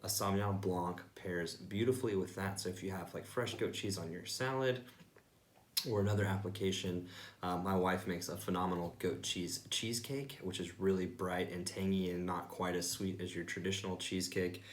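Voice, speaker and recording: A man hosting a wine tasting, giving informal sommelier-style tasting notes in an explanatory way, with frequent ums and pauses. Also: low voice, steady tone. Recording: roomy, echoey indoor sound.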